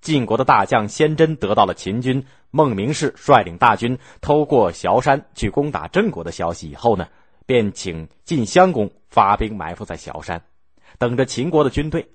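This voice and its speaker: A man telling a history story in a lively, expressive way, acting out the scenes. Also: medium pitch, moderate pace, dry recording.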